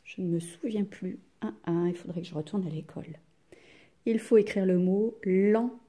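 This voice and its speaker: A woman teaching a spelling lesson to young children, patient and deliberate, sounding out each syllable. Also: on the low side, mellow. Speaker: primary school teacher.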